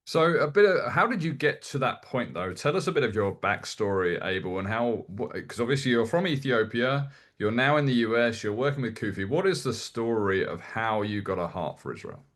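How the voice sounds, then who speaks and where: A man's voice: mid-range voice, expressive, a little fast, few pauses, fairly bright tone. A man hosting a webinar interview, asking a guest friendly questions. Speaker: host.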